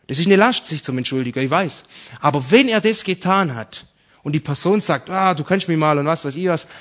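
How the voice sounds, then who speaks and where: A man's voice: on the high side, dull audio. A man preaching a sermon, explaining Bible verses to his congregation in a conversational way.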